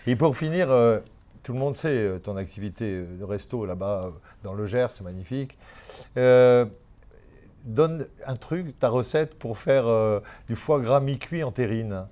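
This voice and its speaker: A man in a radio studio jokes and chats informally with a guest. His speech is loose and familiar, with quick asides. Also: medium pitch. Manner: joking, lively, familiar. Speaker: radio co-host. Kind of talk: casual banter.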